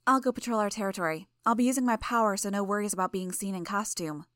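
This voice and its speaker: A woman reading aloud and voicing a brash, bratty teenage girl villain who mocks and argues loudly. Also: medium pitch, quick pace, no echo, clean studio sound, voice pushed up, lightly acted. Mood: teasing. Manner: loud, mocking and combative.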